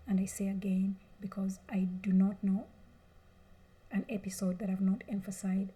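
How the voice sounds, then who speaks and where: A woman's voice: mid-range voice, warm tone. A young woman from Rwanda, giving earnest relationship advice in a solo talk, often rephrasing and repeating herself. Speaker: relationship coach.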